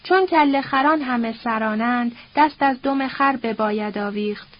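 A woman's voice: fairly high pitch, muffled recording, natural voice. A woman voicing a bitter, scornful old nobleman who curses and quotes proverbs in a sneering, coarse, grumbling way.

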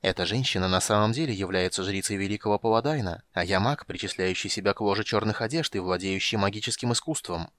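A man voicing a proud male dark mage who speaks in a rustling, hissing whisper with haughty coldness. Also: on the low side, fast, hardly any pauses, no echo, close to an everyday voice.

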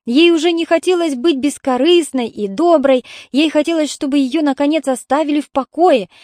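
A woman narrating an audiobook in a steady storytelling manner. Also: high-pitched, moderate pace, no room sound, clean studio sound.

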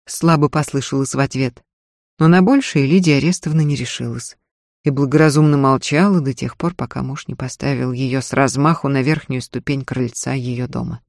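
A man reading a novel aloud in measured, even narration. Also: medium pitch, gravelly, dry recording, clean studio sound. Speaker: audiobook narrator.

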